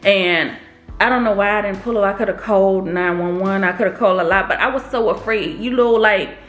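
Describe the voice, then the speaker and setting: A young woman vlogger telling a story in a casual, animated, expressive way. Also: mid-range voice, brisk, soft background music. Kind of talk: storytime vlog. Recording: roomy echo.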